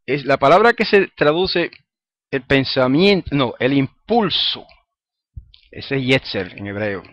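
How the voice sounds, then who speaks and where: Man teaching a slow, careful Bible lesson. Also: mid-range voice, sing-song, fairly bright tone, dry recording. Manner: reads verses slowly, then explains with many tag questions. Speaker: Torah study teacher. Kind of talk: Bible study lecture.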